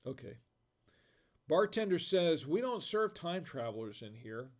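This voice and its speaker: A man's voice: a little high, very animated, unhurried. American man laughing at his own dad jokes. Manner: reads chat comments aloud. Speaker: livestream host. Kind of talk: casual live-stream chat.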